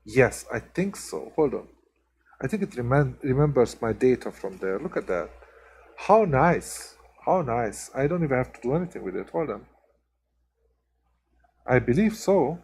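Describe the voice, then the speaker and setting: A very animated, gravelly, slightly mellow mid-range voice at normal speed, pausing often, with slight background noise. It belongs to a Hungarian-accented man streaming flight sim live, who chats casually and thinks aloud while working through steps.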